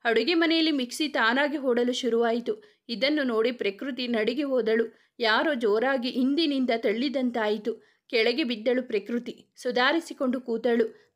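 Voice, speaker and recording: A woman storyteller reading a scripted horror story in a steady, dramatic way. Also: on the high side.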